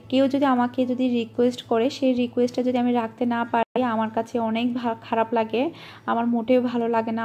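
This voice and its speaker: Her voice on the high side and a little mellow, a woman from Bangladesh rambles through a casual cooking vlog in her home kitchen, homely and chatty with lots of fillers. The recording has the highs cut off and slight background noise.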